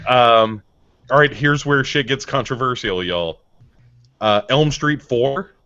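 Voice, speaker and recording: Male co-host, relaxed and profane, dry and slightly dull recording. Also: medium pitch, slow pace, clear, resonant tone, no room sound. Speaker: podcast co-host. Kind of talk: casual chat.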